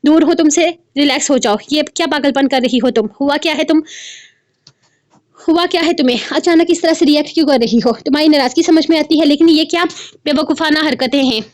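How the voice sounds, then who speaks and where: A woman reading aloud as a worried young husband, pleading and soothing in a quick voice. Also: high-pitched, close to an everyday voice.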